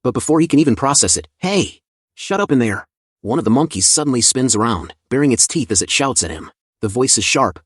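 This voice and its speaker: A man's voice: medium pitch, husky, dry recording, clean studio sound. A man narrating a comic story recap in a casual, conversational scripted style with chatty asides.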